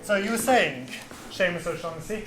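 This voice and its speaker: A man's voice: high-pitched, animated, normal speed, reverberant, over music, rough recording. A man improvising a pompous, devious adventurer with a grandiose, theatrical manner, live on stage. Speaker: improv comedian.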